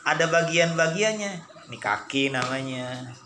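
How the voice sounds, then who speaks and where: A middle-aged religious teacher speaks in a bright, forward voice. He keeps the lesson casual and folksy, playing both sides of a mock argument with rhetorical questions. A faint hiss runs under the recording. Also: on the high side, lively intonation, moderate pace, roomy sound.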